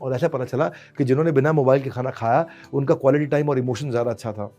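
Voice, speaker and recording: A man's voice: medium pitch, fast, warm tone, faint music behind. A man giving an emphatic motivational lecture, with rhyming hype lines and English phrases mixed in. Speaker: motivational speaker.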